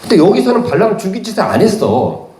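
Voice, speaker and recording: A man's voice: sits high, huge pitch swings, fast talker, mellow, echoey room. A man preaching a sermon as a pastor, retelling a story and acting out the characters' lines. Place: church.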